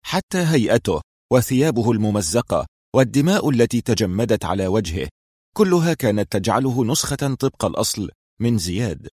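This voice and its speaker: A man's voice: fairly low pitch, sing-song, brisk, a little mellow, breathy edge, dry recording, clean studio sound. Man narrating a thriller audiobook. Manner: dramatic, suspenseful reading.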